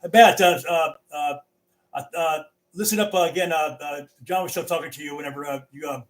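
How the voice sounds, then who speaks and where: A man runs an amateur radio net in a casual, conversational way. His voice sits a little high, and he talks haltingly, often repeating words as he goes.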